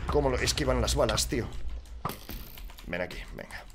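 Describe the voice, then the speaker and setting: A young man with an accent from Spain, commenting on his own gameplay, swinging between excited shouts and low muttering, swearing often. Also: moderate pace, background noise. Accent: Spanish from Spain. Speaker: gaming youtuber.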